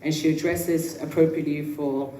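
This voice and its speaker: A woman giving a motivational talk as an etiquette coach, with prim, precise enunciation and a measured, polite manner. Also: deep voice, steady tone, warm tone. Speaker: etiquette coach speaking at an event. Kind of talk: motivational talk to a live audience. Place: indoor event room with audience. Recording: roomy, distant mic, noisy hall.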